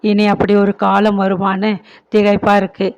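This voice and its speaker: A woman's voice: mid-range voice, monotone, normal speed, a little mellow, dry recording, lo-fi sound, lightly acted. A woman reading the part of a young married daughter who speaks with sorrow and longing in a storybook. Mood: sorrowful. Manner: sorrowful, pleading.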